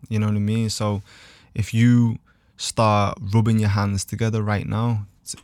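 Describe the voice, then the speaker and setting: Male guest, average pitch, earnest casual explainer, very dry studio sound. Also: little pitch movement, a little slow, a little mellow, clear, resonant tone, no room sound. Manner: earnest explainer, often checks "you know what I mean". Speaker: podcast guest. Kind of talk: casual, philosophical chat. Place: podcast studio.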